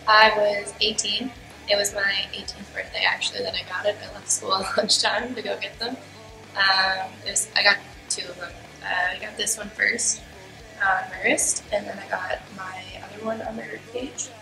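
A woman's voice: mid-range voice, steady tone, normal speed, vocal fry. Chatty nineteen-year-old woman, studio interview. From Canada. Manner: chatty, laughs between remarks. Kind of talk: seated interview. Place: studio with gray backdrop. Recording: roomy studio with music bed.

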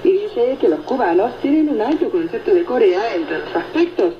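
A woman radio host, mid-range and animated, speaks fairly quickly as she reads and answers listener reports conversationally, with crowd noise present. The shortwave reception is noisy, muffled, and echoey, with loud static in the background.

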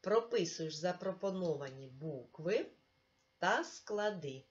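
A woman teacher talks a young pupil through a remote lesson, slow and patient and full of encouragement. Her voice sits a little low for a woman. The recording is dull and lo-fi. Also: lively intonation. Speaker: primary school teacher.

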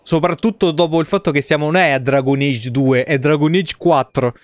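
Speaking at a moderate pace in a slightly high voice, this man streams games from an indoor room and comments live in colloquial Italian slang. The recording is dry.

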